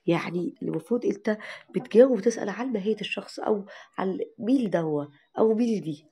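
Mellow-voiced Egyptian woman teacher. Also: medium pitch, expressive, husky. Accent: Egyptian Arabic. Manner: slow, drawn-out model pronunciation of English words. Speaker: English teacher. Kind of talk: online lesson for parents.

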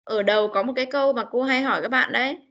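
A Northern Vietnamese woman teaching children over a video call, her high voice bright as she coaxes answers and repeats each question. She spells words out letter by letter. The sound is dull and lo-fi, like a meeting recording. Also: very fast. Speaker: English teacher. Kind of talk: online class teaching.

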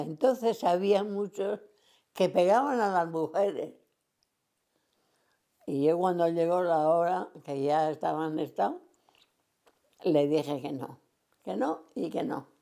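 A woman's voice: fairly low pitch, vocal fry, warm tone. A woman over a hundred, rambling through memories in an oral history interview. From Cantabria, Spain. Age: 100s. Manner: rambling reminiscing, acts out remembered dialogue.

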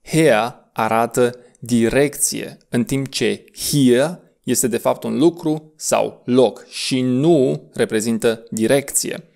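Man slowly drilling pronunciation. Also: mid-range voice, gravelly, darkish tone. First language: Romanian. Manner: slow, deliberate repetition of words. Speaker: language teacher. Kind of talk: pronunciation lesson.

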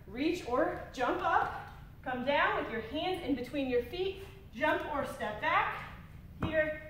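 A woman fitness instructor giving clear step-by-step workout cues, a little out of breath. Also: a bit bright. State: slightly out of breath. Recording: echoey room, distant mic, faint rumble.

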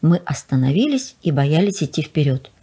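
A woman reads a children's story aloud with expressive storytelling. Her voice is husky, and her pitch moves a lot as she tells the story. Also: moderate pace. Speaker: library reader.

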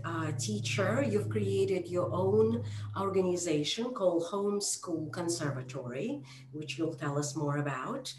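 A woman's voice: lowish voice, a little mellow, a little hiss or hum. A woman hosting an interview over a video call from home, introducing her guest in a chatty way. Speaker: host. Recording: roomy video call audio.

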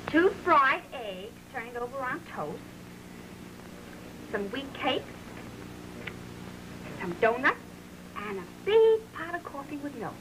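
Heavily acted and sing-song, this high-pitched actress drawls slowly with long pauses as a chatty, slangy young working-class American woman. It's early talkie film acting, playful in mood, heard through a noisy old soundtrack.

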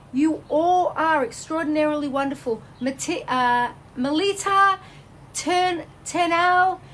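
Bubbly high-pitched woman streaming live. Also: fairly bright tone, slight background noise. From Australia. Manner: bubbly and effusive, swings between high exclamations and low soothing tones. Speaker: psychic medium hosting a live stream. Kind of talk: live-streamed chat reading viewer comments.

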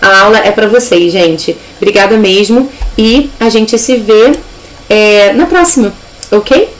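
A woman's voice: medium pitch, unhurried, poor audio. A woman with a Brazilian Portuguese accent teaching a live online English lesson, upbeat and explaining step by step.

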